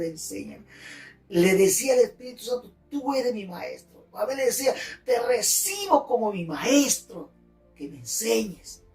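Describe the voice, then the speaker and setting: Male pastor, earnest sermon teacher, slow and emphatic, roomy distant sound. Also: sits high. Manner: fervent, deliberate, repeats and spells out key words. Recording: roomy, distant mic, faint music.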